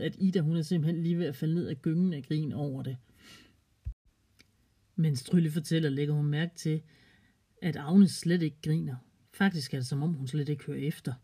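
A storyteller narrating a children's story in a calm, gently expressive way. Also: mid-range voice, long pauses, slightly rough.

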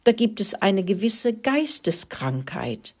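Woman doing a stern storybook tomcat, soft hissing menace, slow. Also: deep voice, lively intonation, slightly rough, full character voice. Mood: menacing. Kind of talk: storybook reading.

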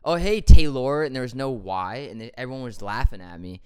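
A man's voice: lowish voice, fast talker, clean tone. A man co-hosting in casual banter, with trouble saying R's, which sound closer to W's. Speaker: podcast co-host.

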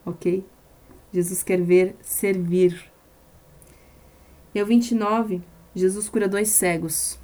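A woman's voice: medium pitch, fairly even intonation, takes it slowly, long pauses, a little mellow. A woman preaching a sermon on a live stream, impassioned and emphatic, repeating phrases for stress.

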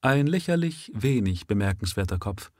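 A man's voice: fairly low pitch, lively intonation, moderate pace, no room sound, studio quality. A man reading a story aloud and voicing a cheeky, greedy servant who talks with mock humility. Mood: sly. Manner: cheeky, coaxing, mock-humble. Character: sly, greedy young male jailer's servant.

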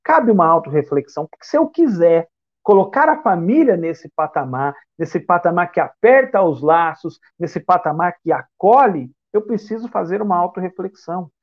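A man's voice: high voice, lively intonation, normal speed, muffled recording. A Brazilian man giving a spiritist lecture, reflective, asking rhetorical questions. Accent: Brazilian Portuguese. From São Paulo state, Brazil. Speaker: spiritist speaker.

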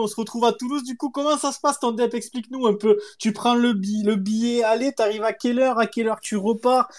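A man's voice: high-pitched, darkish tone. A man hosting a casual fan podcast, talking in a familiar way and calling everyone "brother". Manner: familiar, calls everyone "frérot". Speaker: host.

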